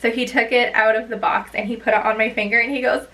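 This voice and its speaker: A woman's voice: fairly high pitch, little pitch movement, quick pace, sharp tone, distant mic, low-quality recording. A young woman vlogger chatting casually as she tells a story, bubbly and gushing, rambling on.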